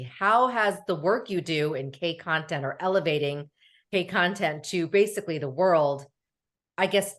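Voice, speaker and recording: A woman hosting a casual interview, asking questions and chiming in with eager, encouraging remarks. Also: sits low. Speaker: interview host.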